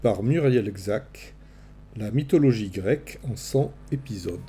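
A middle-aged man in scripted storytelling narration, with dramatic swells and hushes. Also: lowish voice, expressive, measured pace. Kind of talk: scripted narration of a myth series.

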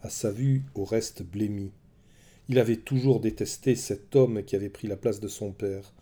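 A man telling a myth in measured, dramatic scripted narration. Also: fairly low pitch, fairly even intonation, husky. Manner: measured, dramatic storytelling, soft at the close. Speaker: storyteller.

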